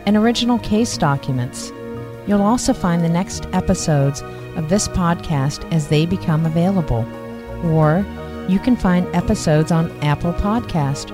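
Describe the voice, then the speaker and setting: A woman investigative reporter narrates a podcast in a measured, earnest way. Her voice is mellow and a little low, with faint music beneath her. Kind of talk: scripted narration.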